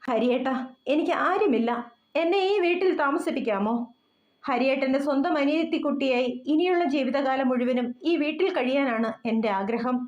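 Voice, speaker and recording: Woman voicing a lonely heartbroken young woman, soft, pleading, storybook figure, high voice, roomy sound. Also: normal speed, natural voice. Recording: roomy, dull lo-fi.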